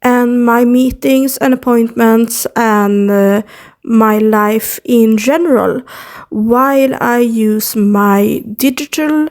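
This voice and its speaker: A young Swedish woman vlogs casually to camera, her voice on the high side and a little mellow, with fairly even intonation and a slow pace. She speaks hesitantly, full of fillers, and is recorded on a device mic without an external microphone.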